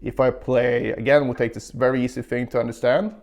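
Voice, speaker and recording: Brisk and gravelly, with a steady mid-range voice, the instructor explains his guitar lesson one step at a time, counting the beats out loud while playing. Faint guitar sounds sit behind him in the carpeted room.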